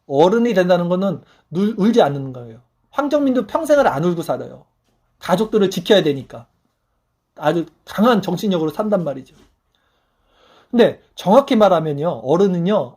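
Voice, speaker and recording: A fairly high-voiced man preaching a sermon. He tells his story with feeling and goes soft and low whenever he voices a quoted prayer. He sounds like a pastor in his thirties. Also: breathy edge.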